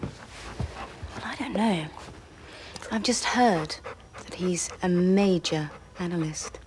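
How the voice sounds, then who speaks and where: A woman's voice: fairly low pitch, slow pace, a little mellow, a little hiss or hum. An actress playing a wry woman who was once in analysis, speaking drily and teasingly, often dropping to a near whisper. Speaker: woman recalling her analysis. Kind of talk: film dialogue.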